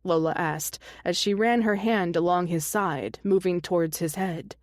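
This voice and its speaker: A woman's voice: lowish voice, measured pace, darkish tone, no echo. Woman reading a romance audiobook, dry close sound. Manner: reads every character herself, small voice shifts. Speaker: audiobook narrator. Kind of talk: scripted romance audiobook narration.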